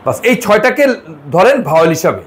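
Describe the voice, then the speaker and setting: A man's voice: high-pitched, big pitch swings, fairly quick. A man teaching French pronunciation in a one-on-one lesson, repeating and correcting sounds with chatty asides. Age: middle-aged.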